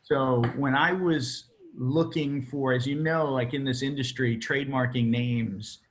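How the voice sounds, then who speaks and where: Rambling cigar maker telling stories. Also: male voice, medium pitch, fairly even intonation, measured pace, slight background noise. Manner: rambling storyteller, many fillers. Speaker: cigar maker, interview guest. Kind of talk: casual interview chat.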